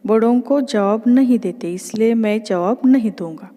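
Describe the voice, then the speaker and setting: A woman's voice: fairly high pitch, moderate pace, mellow, big-room sound, lightly acted. A woman voicing an innocent, mischievous young boy who pleads his case.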